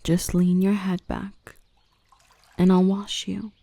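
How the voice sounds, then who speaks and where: A woman takes the role of a tender, nurturing dark elf with a soft dominance in intimate ASMR, soothing and reassuring the listener at close range, often half-whispering. Her mid-range voice moves little in pitch and stays slow, with no echo.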